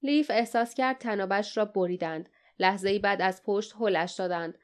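A woman narrates an audiobook, and when she reads the characters' dialogue her voice becomes livelier, with raised pitch and energy.

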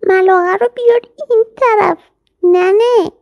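A tiny talking chickpea boy from a storybook, cheeky and panicky. The voice is squeaky and extremely high, with loud squealing cries. It sounds dry and close. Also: vocal fry, dry recording. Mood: eager.

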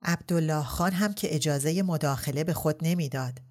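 A woman narrates a novel aloud in a measured, even way. Her voice is low and steady, suited to nightly story reading. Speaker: audiobook reader.

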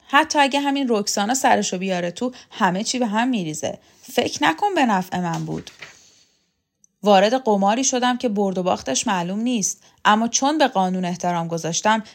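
A woman reading an audiobook, voicing a domineering, scornful woman who taunts and threatens loudly. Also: medium pitch. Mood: angry. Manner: loud, sharp, taunting. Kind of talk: audiobook character voice.

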